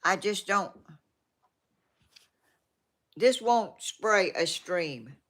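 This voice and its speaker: Reading her viewers' comments in a casual, rambling chat, a Southern woman from Georgia in her eighties trails off and picks back up. She speaks extremely slowly in a medium-pitched, fairly bright voice with lively intonation.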